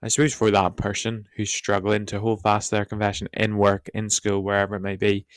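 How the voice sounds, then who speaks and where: Croaky preacher man, flat low voice. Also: a little fast, no room sound. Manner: reflective, hedging. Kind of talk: podcast discussion.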